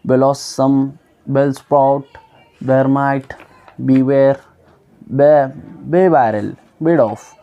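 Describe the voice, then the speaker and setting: A young man casually reading aloud a long list of names for his viewers, sounding them out slowly and often stumbling and repeating them. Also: medium pitch, steady tone, smooth, highs cut off. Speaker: YouTuber reading Pokémon names.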